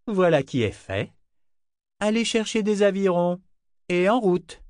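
A man's voice: mid-range voice, sing-song, a little slow, a little mellow, no echo, clean studio sound, voice pushed up. A man voicing a pompous, idle young male governor who is pleased with himself. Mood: smug. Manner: smug, proprietary.

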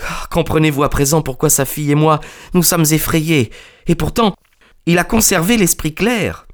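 A man's voice: on the high side, moderate pace, voice pushed up, natural voice. A man voicing a young, anxious male assistant in an audiobook, pleading and earnest. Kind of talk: audiobook character reading.

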